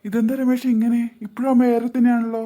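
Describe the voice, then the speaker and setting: Mellow-voiced woman, quick and worried. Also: a little high, little pitch movement. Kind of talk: cartoon dialogue acting.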